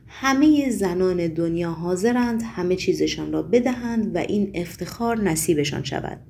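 Curt, gruff male demon henchman read by a woman narrator, audiobook, low and clipped. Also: animated, warm tone, slight background noise. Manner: curt and impatient. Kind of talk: audiobook reading.

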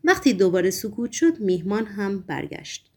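A woman narrating a novel in an audiobook, telling the story in a steady, even way. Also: mid-range voice.

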